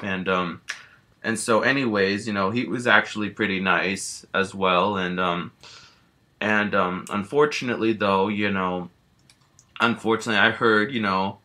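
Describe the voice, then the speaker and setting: A man playing a big, gentle grizzly bear who tells a rambling first-person story, packed with fillers and easily frightened. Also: on the low side. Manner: rambling, constant "you know" fillers.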